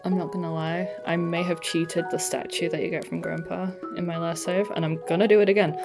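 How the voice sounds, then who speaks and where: A young woman hosts a casual let's play of a farming game, chatting, giggling and making light jokes to her viewers over background game music. Her voice is on the low side, with a level tone and a brisk pace.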